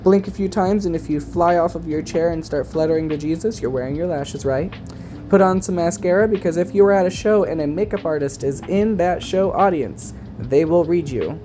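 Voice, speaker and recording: A man's voice: a little high, fairly quick, mellow, faint music behind. A man talking as a sassy, campy, chatty drag queen in a casual makeup tutorial voice-over.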